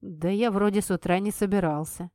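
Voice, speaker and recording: A woman reading an audiobook and voicing a wry, teasing grown man, a police officer, with a lowered, quieter and drawn-out delivery. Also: fairly even intonation, no room sound, studio quality, natural voice. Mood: dry, teasing.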